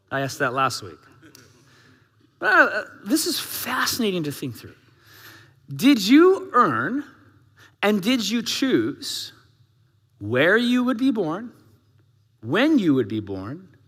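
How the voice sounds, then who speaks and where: Animated, high-pitched male pastor preaching. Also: long reverb tail. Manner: animated, conversational preaching with rhetorical questions. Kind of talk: sermon. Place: large church hall.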